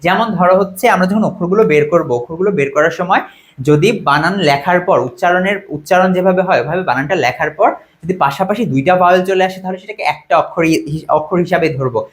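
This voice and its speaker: Fast-talking high-voiced male teacher. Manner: quick, questioning, counts items aloud. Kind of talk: online exam-prep lesson.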